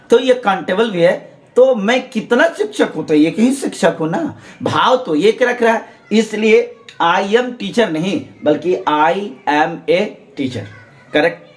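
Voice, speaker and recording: A man teaching English grammar in Hindi, explaining step by step and asking and answering his own questions. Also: high-pitched. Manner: drills learners to repeat aloud.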